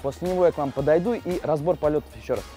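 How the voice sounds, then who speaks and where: A man's voice: fairly high pitch, rapid-fire, soft background music. A man in his twenties hosting a travel show outdoors, talking in a casual, spontaneous and chatty way. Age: 20s. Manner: animated, chatty. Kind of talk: casual, spontaneous on-location presenting. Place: outdoors on location.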